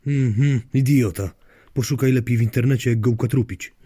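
A man's voice: fairly low pitch, animated, moderate pace, warm tone, breathy edge, no echo, clean studio sound. A man voicing a grumpy, cursing grandmother in an audiobook story, snapping and muttering. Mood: spiteful. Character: grumpy foul-mouthed grandmother obsessed with a mole.

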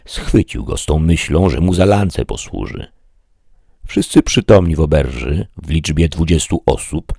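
A man reading a classic novel aloud as an audiobook narrator, in a measured storytelling way. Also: extremely low pitch, a little mellow, no echo, clean studio sound.

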